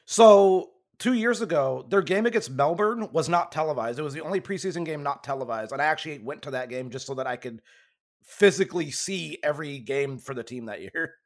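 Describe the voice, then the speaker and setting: A man's voice: a little high, animated, brisk. A man hosting a casual sports podcast, talking in a rambling, self-correcting way while losing his voice. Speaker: podcast host.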